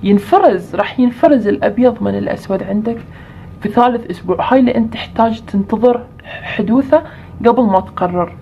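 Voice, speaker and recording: A woman's voice: fairly high pitch, fast talker, creaky. Woman, tarot reader, talks viewers through choices, dull slightly noisy recording. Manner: explanatory, repeats points with listed either-or examples.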